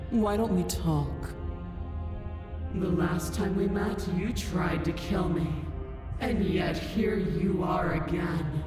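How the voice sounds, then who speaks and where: An actress voicing a towering, imperious princess in a game, her booming, magically amplified voice slow and mocking. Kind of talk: game voice acting. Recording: long hall echo over game music.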